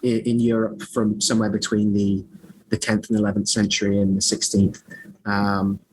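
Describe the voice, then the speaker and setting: A husky man with a lowish voice speaks at a moderate pace in a completely flat delivery, captured on a rough recording. He's a podcast guest being interviewed as an author and scholar of magic, rambling through the conversation with plenty of fillers, restarts and self-mocking asides.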